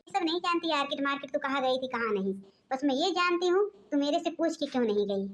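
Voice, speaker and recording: A woman's voice: high-pitched, lively intonation, fast, slight background noise. A woman voicing a bossy, nagging mother-in-law in a cartoon, scolding and giving orders.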